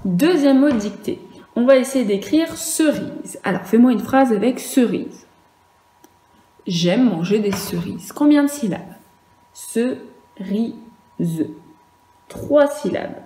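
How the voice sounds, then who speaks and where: A woman teaching a first-grade dictation lesson in a virtual class, speaking slowly and clearly and spelling out letters and sounds. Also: fairly high pitch, lively intonation, dark tone, echoey room, a little hiss or hum, poor audio.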